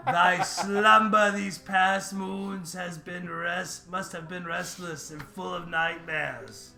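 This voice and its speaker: Casting: man as ancient guardian tree spirit for a fantasy game, solemn, grandiose, slightly gravelly, in an echoey room. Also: high-pitched, fairly even intonation, sharp tone, faint music behind, full character voice. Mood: solemn, grand. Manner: grandiose, archaic, slow declaiming.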